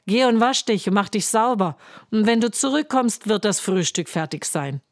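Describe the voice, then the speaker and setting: A woman's voice: medium pitch, lively intonation, moderate pace, no echo, studio quality, voice pushed up, natural voice. A woman voicing the giant's wife in a storybook reading, urgent and scolding. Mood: soothing. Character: giant's wife, big, gruff but kind-hearted woman.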